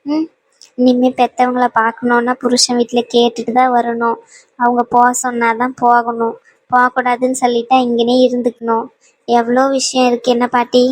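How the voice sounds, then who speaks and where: A woman doing a gentle, sad cartoon bride who talks slowly and wistfully. Her voice is high, dry and close. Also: monotone, no room sound, natural voice, low-quality recording. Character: sad young newlywed bride.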